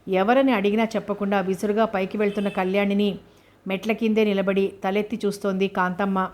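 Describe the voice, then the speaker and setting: A woman narrating a serialized novel as an audiobook, in a steady, measured manner. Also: medium pitch.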